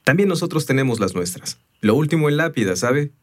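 A man's voice: mid-range voice, sing-song, a little fast, pitched above the performer's own voice. A man voicing a proud, talkative middle-aged gravestone carver in an audiobook, earnest and matter-of-fact. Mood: boastful. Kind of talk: audiobook character voice.

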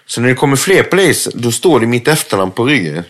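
A man's voice: mid-range voice, sing-song, a bit bright. A man, an interview guest, telling a story casually with lots of swearing and acted-out quotes. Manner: vivid, swears freely, acts out quotes.

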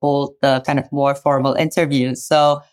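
A woman's voice: rumbling low, little pitch movement, moderate pace, a little mellow. A woman in her forties from Indonesia, an investor talking casually and thoughtfully in an interview, with many "you know" fillers. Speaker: guest, venture capital investor.

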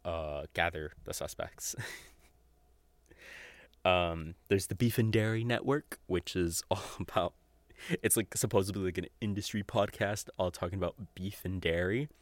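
At a normal pace and with a low-sitting voice, a podcast host in his twenties chats through unscripted podcast recommendations, informal and a bit profane, chuckling often. There's no room sound.

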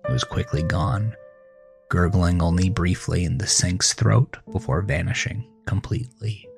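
A man narrates a horror thriller in a scripted, dramatic storytelling style, his gravelly, low-pitched voice moving at a measured pace. The voice is close and dry, set over faint music.

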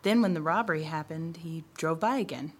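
A woman's voice: low voice, a little fast. A woman playing a worried sidekick on a stakeout in a sitcom radio play, asking hesitant questions.

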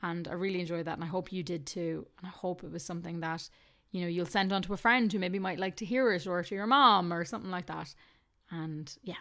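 A woman's voice: lowish voice, brisk. Chatty woman hosting a podcast. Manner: chatty, warm, laughs often. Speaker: podcast host. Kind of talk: casual podcast chat.

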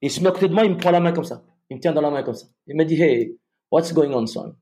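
A man, a soldier, telling a personal story in a halting way, with many repeated restarts. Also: on the high side, mellow.

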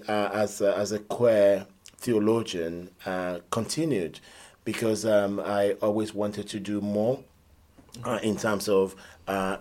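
Earnest man in his fifties. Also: on the low side. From Nigeria. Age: 50s. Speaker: interview guest, theologian. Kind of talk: conversational interview.

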